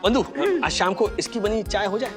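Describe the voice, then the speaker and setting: An actor playing an excitable middle-aged family father in a Hindi sitcom, speaking theatrically and mixing in English. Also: high-pitched, moderate pace, over music, lightly acted. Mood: playful.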